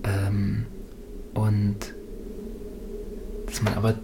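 A man's voice: fairly low pitch, completely flat delivery, extremely slow, vocal fry, heavy background noise. A man actor musing in an interview about performing, in loose, trailing sentences.

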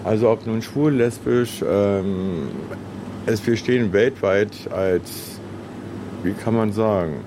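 Chatty low-voiced man over outdoor noise. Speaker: swimming pool kiosk vendor. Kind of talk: chatty interview talk. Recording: clearly noisy outdoor location.

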